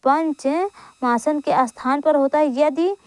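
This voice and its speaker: Female tutor, unhurried delivery, talks through a grammar lesson point by point and fixes her own slips aloud, dry recording. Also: high voice, dry recording. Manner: slow, repeats each point and asks then answers her own questions; corrects herself aloud with quick apologies. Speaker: teacher. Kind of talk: exam-prep Hindi grammar lesson.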